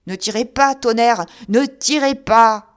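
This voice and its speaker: A woman voicing a delirious drunk man who yells frantically in rough slang. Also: mid-range voice, measured pace, natural voice. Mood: raving.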